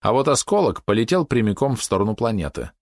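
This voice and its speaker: Low-voiced male audiobook narrator. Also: very animated, fast talker, no echo, clean studio sound.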